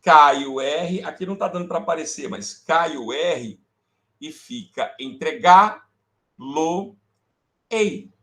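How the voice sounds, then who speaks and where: A man's voice: fairly high pitch, normal speed, fairly bright tone. A male teacher with a Brazilian accent giving an online grammar lesson, often checking in with students and calling them affectionate names. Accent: Brazilian Portuguese. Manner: calls students "amores", checks with "beleza?" and "tá?"; fiddles with slides while talking to himself.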